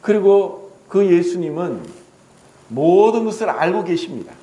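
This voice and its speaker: A man's voice: high voice, big pitch swings, a little slow, warm tone, roomy sound, rough recording. A male pastor preaching a dramatic sermon in a church, acting out the quoted words of the story. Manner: dramatic, voices Jesus and Peter in quotes.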